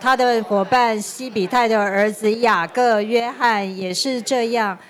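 Woman reader, slightly high voice, steady scripture reading. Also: a little slow.

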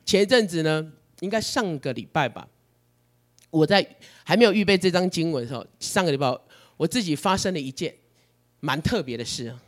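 A man preaching a sermon, telling his story in an animated, emotional way. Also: on the high side, fairly quick.

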